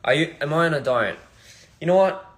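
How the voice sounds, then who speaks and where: A young man from Australia chatting casually on a phone livestream, soft-spoken and reflective, drifting between thoughts. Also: a little high, animated, a little fast. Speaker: musician livestream host.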